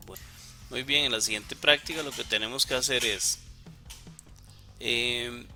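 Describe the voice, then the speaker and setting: Male teacher, gravelly voice, patient step-by-step explaining, hesitant fillers, music playing behind. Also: medium pitch, a little slow, bright, forceful tone. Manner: patient explaining, frequent "eh" and tag questions. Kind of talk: recorded lesson talking through exercises.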